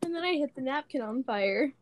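A woman's voice: high voice, lively intonation, fairly quick, slight background noise. A woman co-hosting a casual chat podcast, telling rambling stories with lots of giggles. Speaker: podcast co-host.

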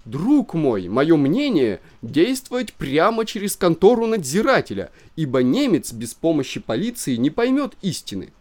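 A man voicing a pompous, self-important official who speaks calmly and in measured phrases. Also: medium pitch, natural voice. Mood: pompous, composed.

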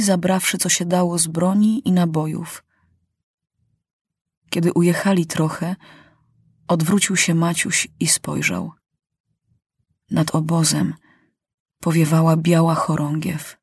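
A woman narrating an audiobook in a measured, dramatic way with long pauses. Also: lowish voice, slightly rough, dry recording, clean studio sound.

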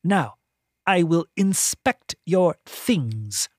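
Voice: medium pitch, big pitch swings, drawn-out words, dry recording, clean studio sound, pitched above the performer's own voice, exaggerated voice. A narrator voicing a stern, strict woman who teaches at a temple and gives curt orders. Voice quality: curt, commanding.

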